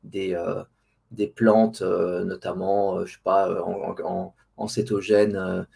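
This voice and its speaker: Low, husky, creaky-voiced man, hesitant. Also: little pitch movement, a little slow, dark tone. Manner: hesitant, searching for words, often repeating them. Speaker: interview guest, online diet group administrator. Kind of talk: casual conversational interview answers.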